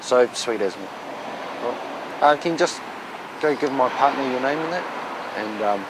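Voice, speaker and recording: A man's voice: medium pitch, expressive, normal speed. A man with a broad New Zealand accent, a police officer speaking firmly and colloquially to members of the public. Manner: firm, plain-spoken, colloquial. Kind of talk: spoken on duty, questioning and explaining to members of the public. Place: outdoors, on the street. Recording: noisy outdoor street, vehicle sounds.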